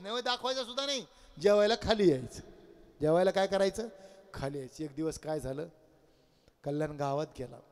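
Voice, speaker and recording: A high-voiced male kirtan preacher, resonant and clear, tells a sacred story with animated questions and answers. His voice is picked up through a public address microphone. It rings out with a long reverb in a large hall. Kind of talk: devotional storytelling sermon.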